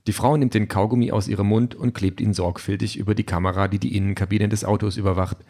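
Lowish male audiobook narrator. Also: level tone, fast talker, mellow. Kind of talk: scripted narration.

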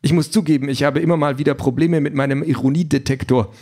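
A man's voice: a little high, steady tone, fast talker, mellow, pitched above the performer's own voice, close to an everyday voice. A man voicing a fussy, overly formal self-driving car that is eager to please. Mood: prim, polite.

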